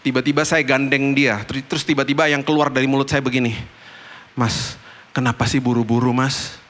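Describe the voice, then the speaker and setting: A middle-aged man, a pastor preaching a storytelling sermon and acting out the dialogue with big swings in pitch. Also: level tone, fairly quick, fairly bright tone.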